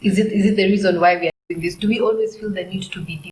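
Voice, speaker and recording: A woman's voice: medium pitch, fairly even intonation, racing, a little mellow, poor audio. A woman with a Kenyan accent speaking on a church family panel, reflective and asking searching questions.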